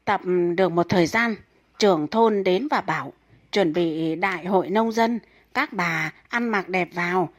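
A woman narrating a string of short funny stories. Her delivery is steady and even, like scripted storytelling read straight through. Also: medium pitch. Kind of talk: reading jokes aloud.

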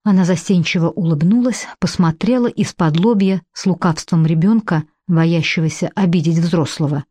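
A woman narrating an audiobook in a measured, unhurried way. Her voice sits low and sounds warm and mellow. The recording is close and dry, with no room sound. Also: breathy edge, no room sound. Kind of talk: scripted narration.

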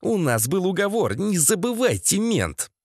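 A man's voice: fairly high pitch, big pitch swings, moderate pace, creaky, no echo, clean studio sound, full character voice. A man voicing a prim, scheming male secret-police officer with a fussy, formal manner in an audiobook.

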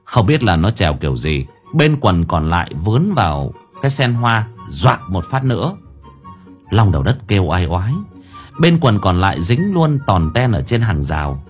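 A man narrating a comic story in a lively, playful storytelling manner. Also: deep voice, normal speed. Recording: faint background music.

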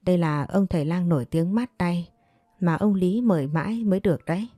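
A woman's voice: fairly low pitch, fairly quick, dark tone, dry recording, close to an everyday voice. A woman voicing a scheming second wife who speaks in a sugary, coaxing way. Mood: sweetly scheming.

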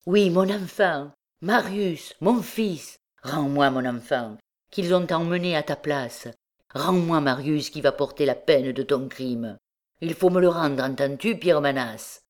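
A woman's voice: low voice, unhurried, darkish tone. A woman reading aloud, voicing a desperate mother who pleads fervently, her voice raised above her usual tone. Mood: accusing. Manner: fervent, imploring. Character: desperate pleading peasant mother, middle-aged.

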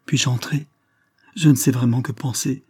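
A shy young lady of the manor, flustered and short of breath, her voice lifted high and bright over a mellow, husky base, as a male reader puts her on. Every line comes out as a confused, tumbling question. The read is close and dry, with no room around it. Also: fairly even intonation, normal speed, lightly acted. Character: young noblewoman, timid and flustered. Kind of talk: audiobook character reading.

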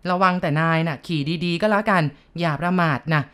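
A woman's voice: fairly low pitch, fairly quick, fairly bright tone, smooth, natural voice. A woman voicing a blunt middle-aged man who scolds coarsely. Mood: gruff.

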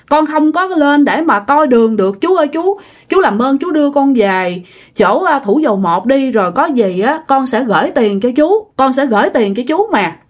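Woman doing a scared lost youngster, pleading, repetitive, high-pitched, spoken story. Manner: pleading, rapid, repeated appeals. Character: frightened young person lost at night, pleading.

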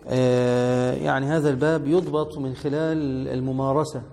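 A man's voice: mid-range voice, little pitch movement, moderate pace, creaky, dark tone. A man with an Egyptian accent teaching a lesson on a classical text. He repeats the reading and then explains it in colloquial speech. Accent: Egyptian Arabic. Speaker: teacher of hadith sciences. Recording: echoey hall with faint background noise.

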